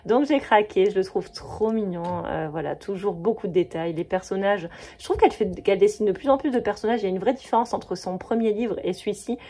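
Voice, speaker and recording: A woman in her thirties talks casually to her camera in a mellow, slightly husky voice. She gushes freely about what she loves, filling her talk with fillers and small restarts. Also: mid-range voice, brisk. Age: 30s. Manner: chatty, gushing, many fillers and restarts. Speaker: coloring book vlogger. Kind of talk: casual chat.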